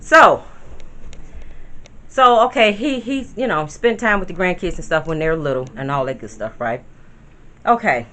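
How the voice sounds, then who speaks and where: A woman's voice: lowish voice, expressive, moderate pace, pauses often, a bit bright, a little hiss or hum. A woman in her fifties, a grandmother talking casually to the camera at home, chatty and rambling and speaking straight to her viewers. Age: 50s. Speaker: grandmother vlogger.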